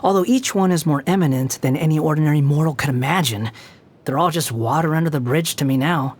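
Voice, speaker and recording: A young man voicing an aloof, sardonic puppet wanderer in a video game, with a condescending, sharp-tongued, theatrical delivery. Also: on the high side, a little fast, close to an everyday voice. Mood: aloof, haughty. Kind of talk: video game character voice lines.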